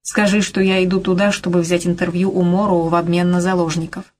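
A woman voicing a calm, determined male TV journalist, speaking in a businesslike way. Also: on the low side, a little fast, a little hiss or hum, natural voice.

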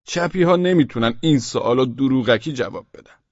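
A man's voice: medium pitch, lively intonation, no echo, lo-fi sound, natural voice. A man voicing a stern male commander who questions with authority. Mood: commanding. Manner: authoritative, interrogating.

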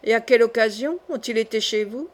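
A stern presiding judge who hands out short, commanding orders and questions, as a woman reader voices him. Her voice stays fairly high throughout. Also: a little fast, natural voice. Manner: commanding, curt. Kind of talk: audiobook character reading.

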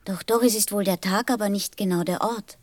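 A woman plays a small boy prince from another planet in a radio play. He is gentle and earnest, with a childlike seriousness. The sound is dry, with hardly any room around it. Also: mid-range voice, steady tone, a little fast, dry recording, natural voice. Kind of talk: audio drama acting.

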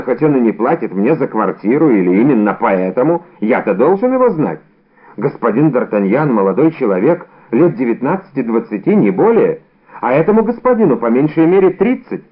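Man putting on a shrill desperate haberdasher, pleading, lively swooping pitch, thin phone-like sound. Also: breathy edge. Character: frantic pleading middle-aged male haberdasher. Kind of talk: audiobook character reading.

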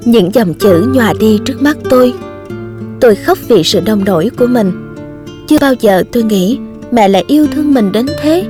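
A woman narrating an audiobook in a calm, gentle storytelling manner. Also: a little high, moderate pace, music in the background.

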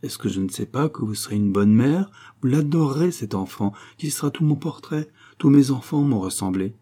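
A man's voice: medium pitch, lively intonation, normal speed, mellow, voice pushed up, close to an everyday voice. A man voicing a pompous, self-satisfied aristocratic count who lectures at length. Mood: patronizing. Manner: grandiloquent, lecturing, full of himself.

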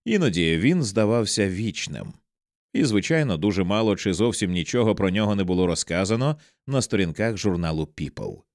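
A male audiobook narrator with a low voice that moves widely in pitch. He reads expressively, putting weight on the drama of each line. The recording is close and completely dry. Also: animated, a little fast, no echo.

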